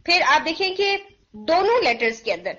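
A woman's voice: extremely high pitch, very animated, bright, forceful tone. A woman teaching recitation pronunciation, patient, drawing out sounds to demonstrate, with a sore throat. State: sore throat, clearing it often. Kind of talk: online pronunciation lesson. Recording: dull lo-fi recording.

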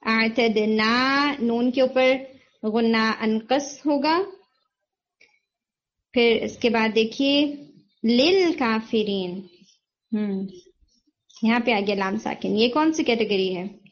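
A woman's voice: fairly high pitch, takes it slowly, pauses often, muffled recording. A woman teaching Quran recitation rules, patiently quizzing her students and confirming their answers as she explains, mixing in English terms.

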